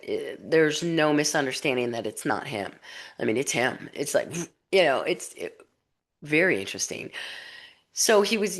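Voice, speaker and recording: A woman researcher and author giving a casual spoken account of a personal experience, rambling and animated, with many fillers and restarts. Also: low-pitched.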